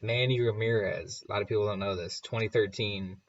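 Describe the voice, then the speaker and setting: A man hosting his channel in a casual chat, rambling and chuckling as he reads viewer comments, heard through low-sample-rate audio from a remote setup. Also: steady tone, a little fast, slight background noise. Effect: low sample rate, muffled low-quality audio. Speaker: channel host.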